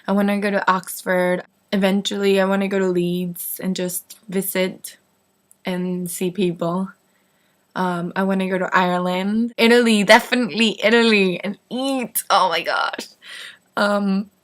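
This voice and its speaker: Here a Spanish-speaking woman in her 20s from northeastern Mexico chats informally with her audience, wandering between topics and teasing herself as she answers their questions. She has a medium pitch and a fairly bright tone.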